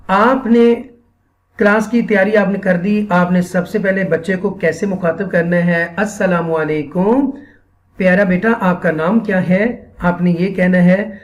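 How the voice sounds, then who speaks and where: A man's voice: high voice, dull audio. A man with a Pakistani accent giving an earnest training lecture for Quran teachers, often repeating phrases and mixing in English. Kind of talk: instructional lecture.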